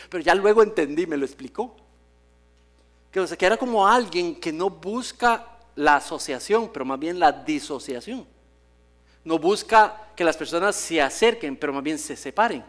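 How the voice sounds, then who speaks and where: Guy pastor with a high voice preaching in church, jokey storyteller, does the voices. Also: fairly bright tone. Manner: storytelling with humor, acts out quoted voices. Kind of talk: sermon. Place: church sanctuary.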